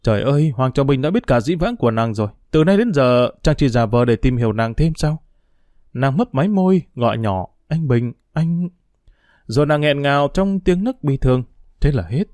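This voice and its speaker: A man's voice: medium pitch, sing-song, fairly quick, a little mellow, dry recording. Give me a man narrating a dramatic audiobook expressively, with a dry, close sound.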